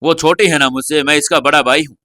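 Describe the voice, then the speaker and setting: A man voicing a proud little boy in an audio story, boastful and quick to whine. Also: a little high, steady tone, sharp tone, no echo, studio quality. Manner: boastful, whiny pleading. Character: small boy, proud and easily hurt.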